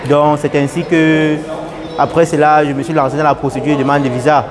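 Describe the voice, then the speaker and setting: A young man giving an earnest, casual testimonial at an airport, repeating his phrases and getting animated. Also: on the high side, a little fast, music in the background. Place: airport, indoors.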